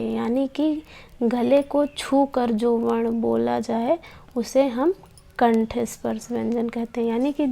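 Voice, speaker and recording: Woman teacher, mellow gravelly voice, slow and patient, sounds out each letter. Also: a little high. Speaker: Hindi teacher. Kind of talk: slow classroom explanation.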